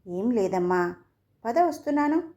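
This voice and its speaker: A woman voicing a troubled young man who talks quietly to his mother. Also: fairly high pitch, animated, unhurried. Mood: hurt. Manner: subdued.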